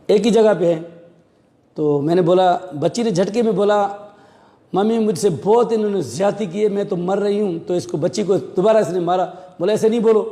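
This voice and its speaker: High-voiced man with a dark, mellow tone. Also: vocal fry, in a large hall. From Pakistan. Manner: animated storyteller acting out quoted dialogue. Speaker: police officer. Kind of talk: recounting events in an interview.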